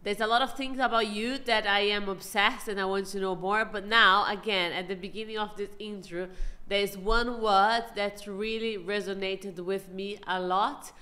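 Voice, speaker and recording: A woman's voice: medium pitch, fairly even intonation, moderate pace, sharp tone. A woman co-hosting a podcast, enthusiastic and effusive, an English speaker. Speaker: podcast co-host. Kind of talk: podcast interview.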